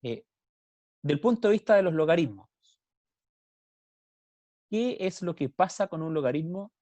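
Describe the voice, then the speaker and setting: A man with a Chilean Spanish accent teaches math over a video call, explaining step by step and asking his students questions in this online class lecture. His voice is a little high and warm, with no room sound.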